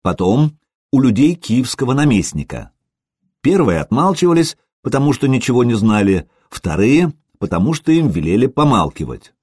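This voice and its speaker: A man narrating an audiobook in a measured, expressive way. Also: medium pitch, slightly rough, dry recording, clean studio sound.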